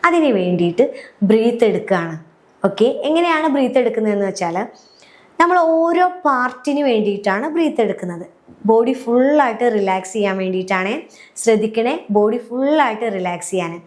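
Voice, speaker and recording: A woman leads a guided relaxation lesson, taking listeners through each breath slowly and in order. Her voice sits fairly high, and she speaks in a calm, patient way. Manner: calm, step-by-step, often checking "clear?". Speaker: happiness coach.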